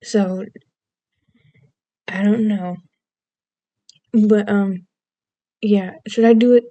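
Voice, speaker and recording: A woman's voice: medium pitch, fairly even intonation, drawn-out words, dark tone, muffled recording. A woman vlogger with an American accent and a slight Southern lilt, rambling casually and goofily from topic to topic, often losing her thread. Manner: meandering, self-interrupting, goofy.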